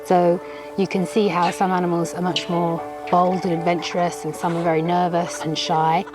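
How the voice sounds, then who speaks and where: A woman's voice: fairly low pitch, flat delivery, normal speed, music in the background, low-quality recording. A woman explaining as a researcher in a documentary interview.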